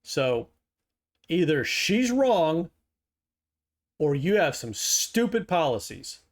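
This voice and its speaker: A middle-aged man hosts a reaction video with a notably high voice. He fires back at clips in a sarcastic, heated tone, mocking as he argues. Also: sing-song, slow pace. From United States. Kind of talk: reaction commentary.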